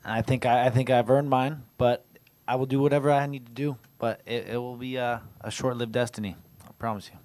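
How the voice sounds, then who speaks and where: A man's voice: mid-range voice, steady tone, a little fast, darkish tone. A man, a fighter, trading trash talk and promises with a rival. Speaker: MMA fighter.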